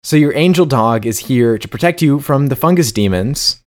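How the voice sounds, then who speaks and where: A man's voice: medium pitch, animated, normal speed. A man co-hosting a casual comedy podcast, playful and mock-serious, reading food news and stumbling over tongue twisters. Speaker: podcast co-host.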